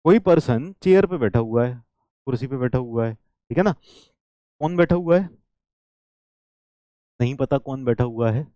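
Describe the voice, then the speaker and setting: A man's voice: mid-range voice, expressive, moderate pace, long pauses, dark tone, no room sound. A man teaching an engineering class, who keeps checking in with the students and repeats key points, now and then saying a line in English. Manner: switches into English lines. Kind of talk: engineering lecture.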